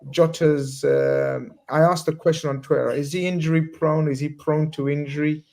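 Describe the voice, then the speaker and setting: A man's voice: fairly high pitch, steady tone, moderate pace, gravelly, darkish tone. A man hosting a casual chat, talking in a rambling way with slang and many restarts. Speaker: podcast host.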